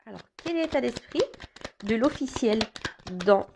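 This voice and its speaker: A woman's voice: on the high side, lively intonation, normal speed, vocal fry, background noise. A woman doing a casual tarot reading for her viewers, talking hesitantly with many fillers and restarts. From France. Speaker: tarot reader.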